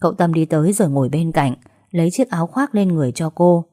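A young woman reading a dramatized audiobook story, acting out family quarrels by raising her pitch and volume. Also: fast, warm tone.

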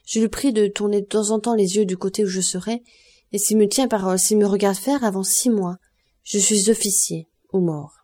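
A woman's voice: medium pitch, moderate pace, dark tone, close to an everyday voice. A woman voicing an earnest young man who is a devoted son, in an audiobook reading. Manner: earnest, persuasive, forced cheer.

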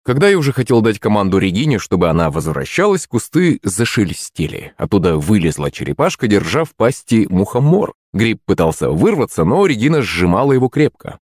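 A man's voice: lowish voice, very animated, a little fast, few pauses, a little mellow, no room sound, studio quality. A man narrating a fantasy audiobook in the first person.

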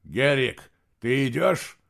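A man's voice: mid-range voice, lively intonation, slow, gravelly, a bit bright, heavily acted. A man reading an audiobook, voicing a stern, proud warrior who talks with solemn command. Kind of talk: audiobook narration.

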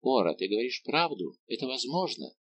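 A man reading a soft, tender young woman in an audiobook, sighing and close to tears. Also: medium pitch, big pitch swings, brisk, dull audio, a little hiss or hum.

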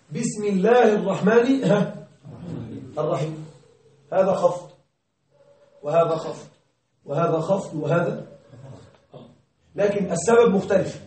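A man teaching grammar to a class, his fairly high voice picked up from well back in a strongly echoing room. He keeps questioning the students and checks they are with him. He repeats the key words slowly. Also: darkish tone. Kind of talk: classroom lesson. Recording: very echoey room, distant mic.

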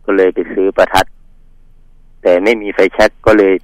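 A man from northeast Thailand telling the host a ghost story from his village in a halting, polite way, pausing and repeating words. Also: low-pitched, flat delivery, no room sound, poor audio. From Northeast Thailand, Mekong riverside. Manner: polite, addresses host as older brother. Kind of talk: casual spoken storytelling.

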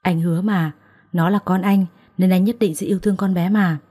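Father role: gentle, apologetic man, read by a woman, mellow tone. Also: fairly low pitch, fairly even intonation, fairly quick, lightly acted. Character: remorseful father, middle-aged man.

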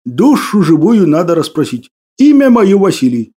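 A bewildered old hermit, fervent and pious, speaking in archaic churchly phrases, as a male storyteller puts him on. The voice sits high and swings widely, with a dark, mellow tone. An audiobook figure. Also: very animated, moderate pace, husky, heavily acted.

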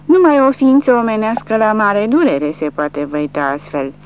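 A cruel, sneering male Russian officer from a war audiobook, threatening his prisoners with brutal calm, as a woman narrator puts him on. His voice sits higher than the narration and carries real venom. The recording is dull and lo-fi, with a faint hum behind it. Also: lightly acted. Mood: menacing. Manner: menacing, brutal.

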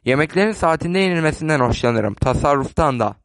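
A man's voice: fairly high pitch, animated, a little fast, dry recording. A man doing a grumpy, stingy old patriarch. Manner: barking, testy.

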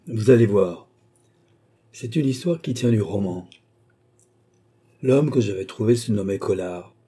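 A cold, calculating baronet, read by a man narrating a novel, talking with calm composure. His voice is low and husky, with a dark, mellow tone. He never raises it. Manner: calm, cool and smooth. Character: cold scheming aristocratic male baronet.

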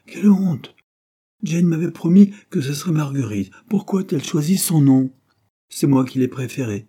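A headstrong, impetuous young woman, merry and quick to ask after everyone, voiced by a man reading a storybook. The voice sits noticeably higher than his own and keeps a dark, slightly husky grain. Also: close to an everyday voice. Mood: eager. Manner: eager, quick questions. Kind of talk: audiobook character reading.

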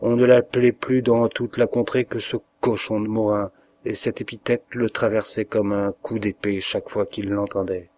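A man reading a classic short story aloud as an audiobook narrator, in an expressive, measured way. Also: fairly low pitch.

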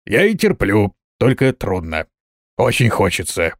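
A man's voice: lowish voice, big pitch swings, a little slow, no room sound, clean studio sound. A man reading the lines of a loyal, whiny male dwarf servant who complains a lot. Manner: complaining, plaintive.

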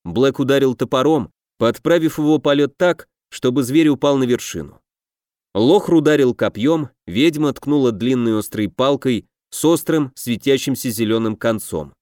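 A man narrating a fantasy audiobook in a steady, measured way. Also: medium pitch, no room sound, clean studio sound.

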